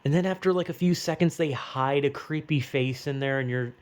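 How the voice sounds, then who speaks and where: A young American man rambles off the cuff with slangy, heavily profane speech, like casual opinion commentary among friends. His voice is a little high and fairly quick.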